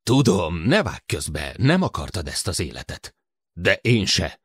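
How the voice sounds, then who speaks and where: A man voicing a weary leader who speaks calmly and grimly about duty and blame, in a spoken audiobook. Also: low voice, husky, no room sound, clean studio sound, heavily acted. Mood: grim resigned.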